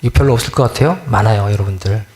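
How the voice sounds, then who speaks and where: A man's voice: on the low side, racing, darkish tone. A middle-aged man giving a conversational dharma talk as a minister, often questioning his listeners and acting out everyday grumbles. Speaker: Won-Buddhist minister.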